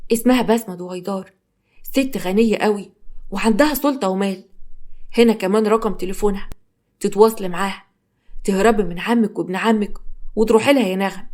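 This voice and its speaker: Female reader as a guilt-ridden Egyptian mother; quiet, consoling, low-key. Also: lightly acted. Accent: Egyptian Arabic. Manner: soft, hushed and comforting. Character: remorseful jailed mother, tender and hushed.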